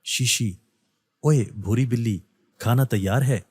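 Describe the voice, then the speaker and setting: A man's voice: on the low side, expressive, dark tone, no room sound. A male narrator reading the lines of a mischievous young student, with a teasing, mocking manner.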